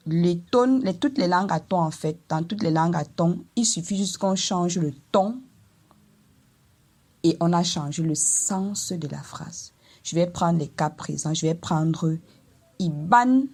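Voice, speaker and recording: Slow, low-voiced woman teaching a language lesson. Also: a little mellow. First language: Eton. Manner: slow, careful explanation with sung vowel examples.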